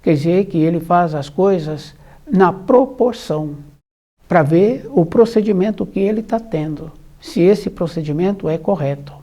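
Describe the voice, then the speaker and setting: A spiritual teacher gives a slow, measured talk, repeating phrases and pausing between short clauses. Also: medium pitch, animated, warm tone.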